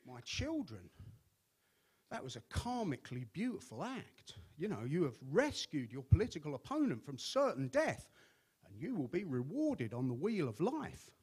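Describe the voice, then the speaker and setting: A comedian doing a voice for a serene, gentle old monk in the middle of a stand-up joke. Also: male voice, a little high, wildly swooping pitch, normal speed, slightly rough, full character voice.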